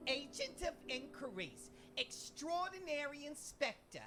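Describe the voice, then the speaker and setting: A woman's voice: sits high, very animated, measured pace, fairly bright tone, a little hiss or hum, heavily acted. A woman voicing a small, earnest young female would-be inspector in a theatrical fan dub of game dialogue, with game music behind. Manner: theatrical, dramatic sighs and sobs. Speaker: fan voice actor.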